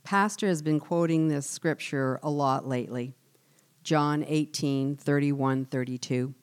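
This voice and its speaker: A woman giving a devotional church teaching in an earnest, measured way, often dropping softer on key words. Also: low-pitched, fairly even intonation, clear, resonant tone. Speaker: church speaker.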